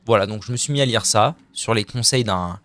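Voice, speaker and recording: A man's voice: on the low side, fairly quick, fairly bright tone. A young man chatting casually as he streams a video game, joking about himself and slipping into silly voices now and then. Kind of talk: casual live-stream commentary.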